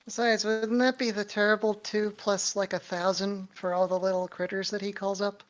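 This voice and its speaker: Mid-pitched woman, casual game banter. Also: level tone, moderate pace. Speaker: tabletop game player.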